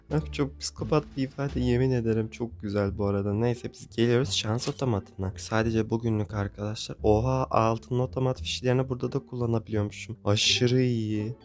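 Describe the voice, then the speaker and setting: A man's voice: medium pitch, steady tone, fairly quick, faint music behind. A young man giving casual gameplay commentary, pleading with and grumbling at the game as he spins for prizes. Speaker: gaming YouTuber.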